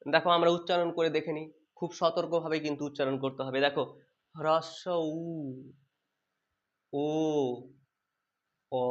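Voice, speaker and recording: Teacher with a higher voice, muffled sound. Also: male voice, a bit bright. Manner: asks questions and answers them himself, repeats terms slowly; corrects his own slips aloud. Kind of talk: exam-prep lesson on vowel sounds. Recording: dull lo-fi sound.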